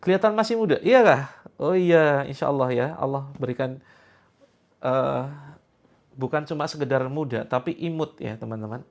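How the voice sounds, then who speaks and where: This man in his sixties is a preacher running a healing session at a live gathering, bantering and teasing his audience with easy humor. His mid-range voice is creaky and keeps a moderate pace.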